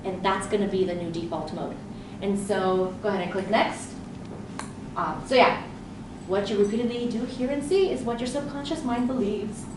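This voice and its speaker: At a moderate pace and medium pitch, a leadership coach tells energetic stories to a live conference audience, quoting her own inner thoughts. Raised in Southern California, she spoke Romanian first. Her distant voice echoes through a very reverberant room with steady noise behind it.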